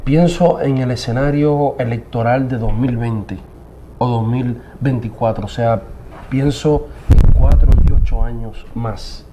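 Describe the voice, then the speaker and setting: Male commentator, unhurried and deliberate, mellow tone, slight hiss on the track. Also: mid-range voice, fairly even intonation. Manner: slow, deliberate, searching for words. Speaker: interview guest, political commentator. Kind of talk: political interview.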